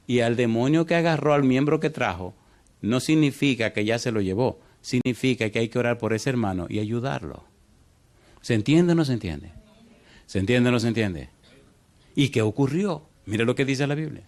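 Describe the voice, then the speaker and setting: The speaker is a man leading a sermon, his medium-pitched voice full of animation. Over and over he asks the congregation yes-or-no questions, and his tempo veers between rushed and deliberately drawn out.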